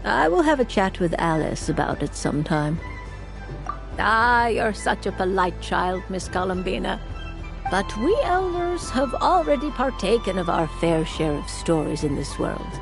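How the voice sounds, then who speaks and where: A genteel, playful elder woman from a video game. She speaks slowly and formally in quaint phrases, with a creaky edge to her voice. Music plays behind her. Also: medium pitch, very animated, low-quality recording. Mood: pensive. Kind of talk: video game character acting.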